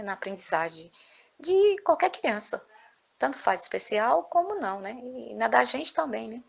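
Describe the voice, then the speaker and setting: A woman storyteller telling a folk tale in an animated way, often adding tag questions. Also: mid-range voice, gravelly. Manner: lively, frequent tag questions.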